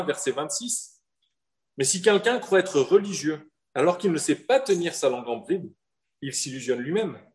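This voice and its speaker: A man from southern France preaching a sermon in an earnest manner, with rhetorical questions and slowed-down emphasis. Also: mid-range voice. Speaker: pastor.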